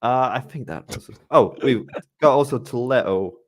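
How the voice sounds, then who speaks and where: A man hosting a casual live-streamed podcast, rambling with frequent restarts. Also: medium pitch. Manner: rambling, with many restarts and quick laughs. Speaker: podcast host.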